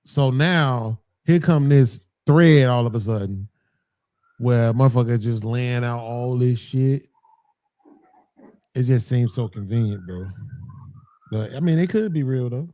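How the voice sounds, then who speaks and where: A man's voice: mid-range voice, measured pace, long pauses, mellow, no echo. A man hosting a podcast in casual chat, profane and rambling, laughing often. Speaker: podcast host.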